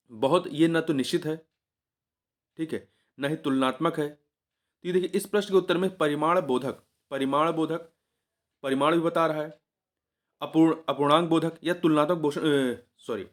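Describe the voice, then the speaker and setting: A male teacher giving an exam revision lesson. He repeats each answer several times in a coaxing way and corrects himself mid-sentence. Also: on the high side.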